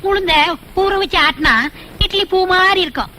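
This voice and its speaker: An actress playing a naive young village wife who gives earnest, silly answers in a film comedy. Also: female voice, very high-pitched, normal speed, bright, forceful tone, slight background noise. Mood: bossy. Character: naive, chatty, dim-witted young village woman. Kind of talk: Tamil film comedy dialogue.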